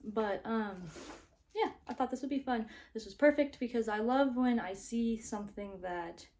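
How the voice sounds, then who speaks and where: A woman's voice: a little high, moderate pace, darkish tone, slight background noise. A woman vlogging casually to camera, upbeat and chatty, with lots of fillers and a slightly breathless sounding voice.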